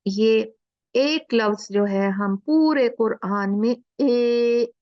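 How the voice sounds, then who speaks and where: A woman teaching a Quran recitation lesson, drawing out the letter sounds slowly as she demonstrates them. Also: a little high, no echo. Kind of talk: explaining a lesson. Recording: dull lo-fi recording.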